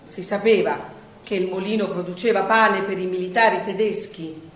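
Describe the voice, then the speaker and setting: With a medium-pitched voice at normal speed and a lightly acted delivery, a woman performs theatrical storytelling about the wartime Resistance in a declamatory style. She is a stage performer, recorded from afar on an echoey stage with faint background noise.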